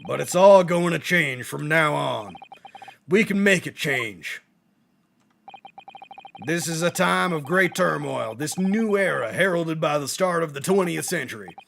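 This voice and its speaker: A man's voice: on the high side, lively intonation, a little slow, creaky, a bit bright, a little hiss or hum, full character voice. A man voicing a proud, resolute young male swordsman in a video game, speaking in a solemn, declamatory way. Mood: determined.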